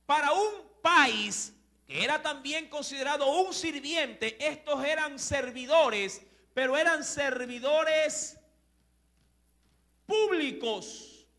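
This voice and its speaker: Male preacher, unhurried and deliberate, bright tone, teaching from scripture. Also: very high-pitched, expressive, soft background music. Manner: rhetorical questions to listeners, slow and deliberate. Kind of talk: sermon teaching on Greek words. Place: church.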